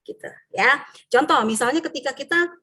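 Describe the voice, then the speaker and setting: A woman teacher from Indonesia, giving a lively workshop talk to fellow teachers and acting out student and teacher voices. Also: sits high, normal speed. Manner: frequent tag questions.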